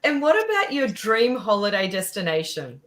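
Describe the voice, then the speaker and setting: A woman's voice: medium pitch, big pitch swings, moderate pace, fairly bright tone, slight background noise. A woman co-hosting a podcast interview, cheerful and encouraging toward her guest. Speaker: podcast co-host.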